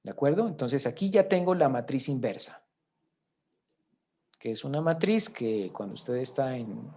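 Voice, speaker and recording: An animated man with a medium-pitched, dark voice teaches a recorded economics lesson at a normal speed, though the recording is muffled. He walks through a spreadsheet step by step and checks in with his students often.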